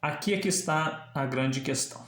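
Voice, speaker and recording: A man's voice: on the high side, moderate pace, a bit bright, a little hiss or hum. Man, theology teacher, explanatory, questions to the viewer, echoey room. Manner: explanatory, asks the viewer questions, acts out quoted dialogue. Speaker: Bible teacher. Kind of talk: theology lesson to camera.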